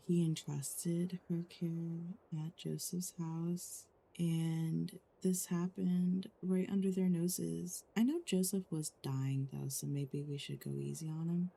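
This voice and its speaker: A woman's voice: sits low, mellow, slightly rough. A woman giving let's play commentary on a life-simulation game, telling its story with dramatic exasperation.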